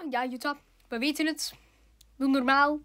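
A woman's voice: sits high, steady tone, moderate pace, heavy background noise. A woman doing chatty, giggly commentary as she plays a video game, mixing in English slang. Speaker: gaming YouTuber.

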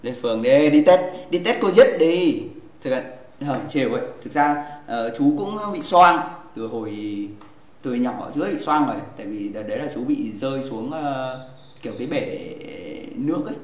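A man's voice: medium pitch, expressive, normal speed. A man hosting a gaming livestream in casual chat, playful and teasing with his viewers, rambling and restarting his sentences. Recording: echoey room.

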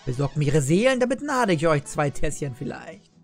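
A man voicing a grinning, booming male devil who runs a casino, gloating and bullying as he reads a cartoon game's story aloud. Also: sing-song, normal speed, darkish tone, soft background music.

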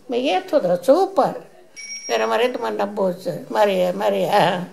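An elderly woman in her eighties with a southern Italian accent and a gravelly voice, telling old stories casually in dialect as a grandmother, re-enacting bits of old dialogue. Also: on the high side, very animated, moderate pace, darkish tone. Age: 80s. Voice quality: gravelly, aged voice. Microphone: handheld camera at arm's length.

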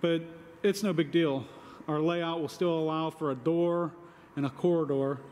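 A man with a slightly higher voice talks through his building site in a relaxed, matter-of-fact way, pausing on fillers as he goes. He is recorded outdoors on a handheld camera, with faint outdoor ambience behind him. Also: slight background noise. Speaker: homesteader vlogger. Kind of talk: casual walkthrough narration.

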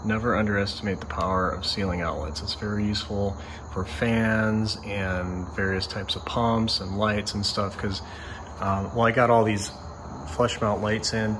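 Man, low voice, casual DIY narration, rambling, noisy garage recording. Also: moderate pace. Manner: relaxed, rambling, frequent ums and uhs. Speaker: home renovation vlogger. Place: garage under renovation.

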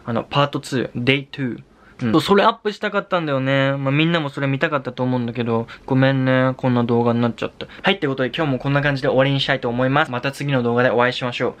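A man's voice: mid-range voice, steady tone, rapid-fire, fairly bright tone. A young man from Japan, a vlogger and language tutor, talking in a casual, exasperated way and repeating himself, now and then breaking into English swearing. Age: young adult. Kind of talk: casual vlog rant.

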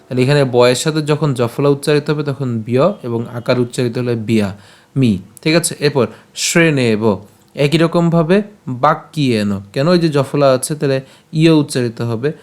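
A man with a Bengali accent leads a recitation lesson at a patient, deliberate pace. He splits each word into its sounds and poses little questions before answering them himself. His voice sits at an ordinary middle pitch. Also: a little mellow. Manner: slow, syllable-by-syllable drilling, asking and answering his own questions. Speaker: teacher of scripture recitation. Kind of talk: pronunciation lesson with chanted verse.

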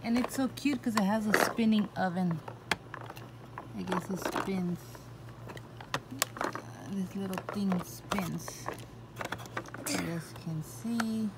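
Slow and full of pauses, this mid-range female voice belongs to a young mom vlogging a toy unboxing from her bedroom. She chats casually, explains each piece and goes along with her daughter's play, recorded on a noisy phone at home.

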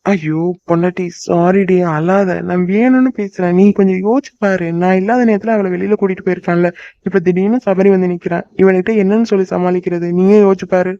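Man as a fretful cartoon husband, quick mid-pitch patter, muffled lo-fi recording. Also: steady tone, dark tone, no echo. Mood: soothing. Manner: fast, scolding then soothing. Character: young husband, fretful but soothing.

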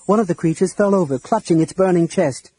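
A man narrating a fantasy audiobook, shifting between shouted lines and hushed whispers for the characters. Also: sits high, brisk, a little hiss or hum, poor audio. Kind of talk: dramatic audiobook reading.

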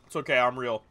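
A man's voice: medium pitch, bright, forceful tone. A young man giving casual gameplay commentary to viewers, rambling and repeating himself in a tipsy way. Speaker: gaming video creator. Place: small indoor room at a gaming setup.

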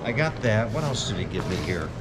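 A playful, rambling man hosting a casual outdoor walk-and-talk, his pitch bouncing up and down as he chats. The recording is thick with loud outdoor noise. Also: big pitch swings, a little fast. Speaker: host. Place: outdoors by a creek.

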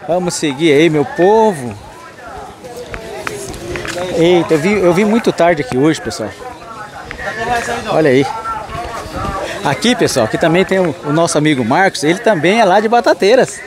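A man's voice: a little high, expressive, moderate pace, pauses often, a crowd in the background. A man from Mato Grosso do Sul filming a walking tour of an outdoor street market, greeting vendors and thanking his followers. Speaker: market vlogger.

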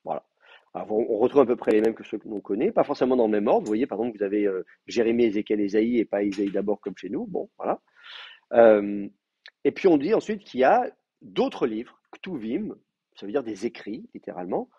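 A man lectures a class, his pitch rising and falling in a lively, animated way over a mellow, slightly husky tone. He explains things patiently step by step, with plenty of hesitations, and the sound is dull and lo-fi, like a simple classroom recording. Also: brisk. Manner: explains step by step with many fillers and checks with students.

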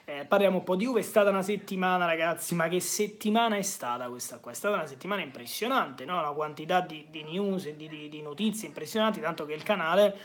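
A man running a casual live stream about football, slightly hoarse, greeting viewers by name and answering their questions from the chat. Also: fairly high pitch, quick pace, hardly any pauses, fairly bright tone.

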